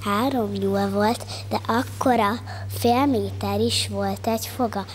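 A woman's voice: mid-range voice, steady tone, slight background noise, lightly acted. A woman voicing a frightened fox in a rhymed children's tale, telling of monsters in an alarmed, breathless way.

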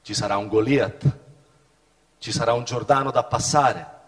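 A middle-aged man preaching a sermon in a church hall, swinging from shouts to hushed tones. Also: medium pitch, measured pace. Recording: long reverb of a hall.

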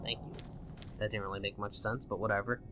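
A young man doing let's play commentary, excitable and swearing at the game, his voice going hoarse. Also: fairly low pitch, fairly quick, a little hiss or hum. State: losing his voice. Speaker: gaming channel host.

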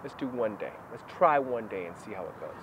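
An actor playing a naive, hesitant young man looking for street credibility, in a low-budget student film shot outdoors. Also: animated, fairly quick, highs cut off, background noise. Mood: uneasy. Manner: nervous, hesitant, earnest.

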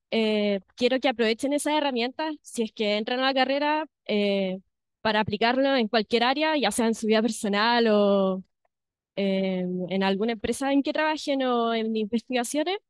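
A young woman in her twenties, a second-year university student, warmly inviting prospective students, pausing often with hesitations. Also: a little high, smooth, no echo, studio quality. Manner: friendly, with many hesitations. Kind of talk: informal talk to prospective students.

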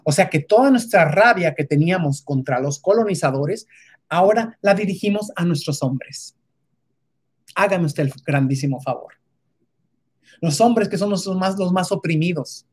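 A woman's voice: on the low side, expressive, moderate pace, darkish tone, husky. A woman giving an emphatic, casual opinion monologue, often restarting and stopping to ask rhetorical questions. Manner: keeps adding rhetorical tag questions; emphatic, with many restarts and hesitations.

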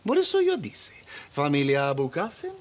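Un actor que interpreta a un padre inmigrante orgulloso y devoto, que habla un español roto con acento árabe, en una telenovela. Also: male voice, fairly high pitch, a little slow. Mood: firm. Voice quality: broken ungrammatical Spanish, lively emphatic delivery. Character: proud immigrant father, broken Spanish, stubborn and devout. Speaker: immigrant father and shopkeeper. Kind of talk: telenovela acting.

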